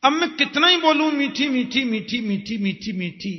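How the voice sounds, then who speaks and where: High-voiced man preaching in echoing hall. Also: animated, moderate pace. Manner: folksy storytelling, acts out dialogues, chants verses. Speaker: kathavachak preacher. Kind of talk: devotional sermon with storytelling. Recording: dull sound with long hall reverb and music.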